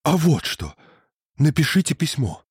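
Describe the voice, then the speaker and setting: A man's voice: a little high, unhurried, husky, no echo, clean studio sound, heavily acted. A man voicing a timid, earnest young man in a literary radio reading, eager and pleading as he consoles someone. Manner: eager, pleading, rising in excitement.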